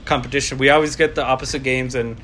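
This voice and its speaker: A man's voice: medium pitch, fairly even intonation, fast, a bit bright, slight background noise. A man chatting casually with friends, telling stories and acting out what people said. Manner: storytelling, acts out quoted exchanges. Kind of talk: casual chat among friends.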